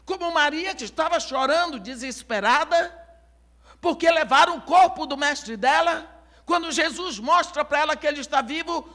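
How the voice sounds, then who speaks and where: A woman preaches to her congregation with a very high, bright voice. She tells the story dramatically and passionately. It sounds like an impassioned church sermon. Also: normal speed. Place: church service.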